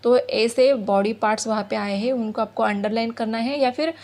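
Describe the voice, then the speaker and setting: A woman's voice: fairly high pitch, fairly even intonation, normal speed, darkish tone. A woman teacher, patiently explaining a school lesson to children, reading words aloud and asking questions.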